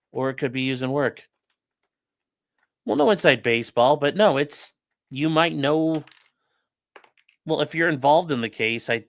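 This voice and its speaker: A guy streaming and building a model reads viewer comments and banters straight to chat with sarcastic, jokey remarks; he's a streamer and legal commentator. His pitch is regular and his voice a bit bright.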